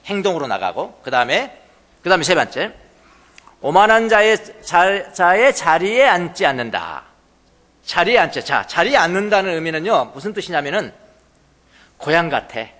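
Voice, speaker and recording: Lively preaching man in a reverberant church. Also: fairly high pitch, normal speed. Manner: emphatic, repeats key words, asks the congregation questions. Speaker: pastor. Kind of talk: sermon. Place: church sanctuary.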